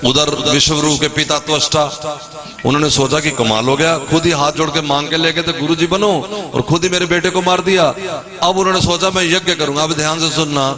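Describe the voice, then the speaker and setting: A man delivers a devotional sermon to a gathered audience, with a voice pitched somewhat high. He tells scripture stories with animated energy and keeps turning to his listeners with questions. Devotional music plays clearly behind him. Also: a little fast. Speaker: preacher telling scripture stories. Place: religious gathering before an audience.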